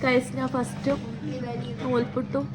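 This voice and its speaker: Loud wind and vehicle noise surrounds a woman. She talks casually to her viewers as a travel vlogger, dropping English words into her Malayalam. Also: high voice, flat delivery, a little slow. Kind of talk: casual travel vlog chat. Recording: very noisy, windy vehicle ambience.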